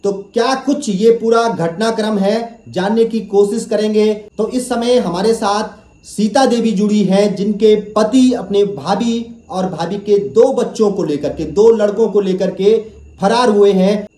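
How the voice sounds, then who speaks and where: A male news reporter with a fairly high but dark, mellow voice introduces the story and questions his guest. His delivery is steady, with occasional fillers as he phrases his questions. The room adds a noticeable echo. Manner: steady reporter delivery with fillers, calmly asks her to speak slowly.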